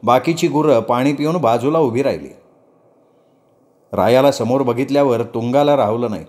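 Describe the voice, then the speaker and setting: A man's voice: mid-range voice, darkish tone. Male storyteller reading a novel aloud. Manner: measured storytelling delivery. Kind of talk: scripted narration of a novel.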